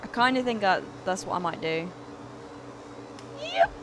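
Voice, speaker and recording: A woman's voice: mid-range voice, wildly swooping pitch, unhurried, background noise. A woman in her thirties streaming a video game live, chatting with viewers and swearing and exclaiming at the action. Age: 30s. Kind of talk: live gameplay commentary. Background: faint game music.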